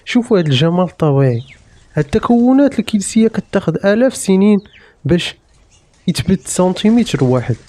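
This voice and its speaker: Mellow, fast-talking Moroccan narrator. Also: medium pitch, very animated. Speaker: vlog narrator. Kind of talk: scripted documentary-style narration. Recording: music behind the voice.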